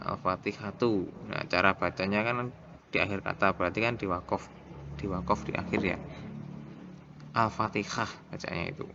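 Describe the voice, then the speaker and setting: A male teacher giving a recorded lesson, explaining step by step and reciting examples slowly. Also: low-pitched, fairly even intonation, gravelly, dull audio, background noise.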